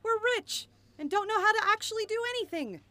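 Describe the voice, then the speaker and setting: A woman's voice: very high voice, lively intonation, quick pace, bright, forceful tone, no echo, full character voice. A woman voicing an entitled rich lobbyist who talks brashly and swears.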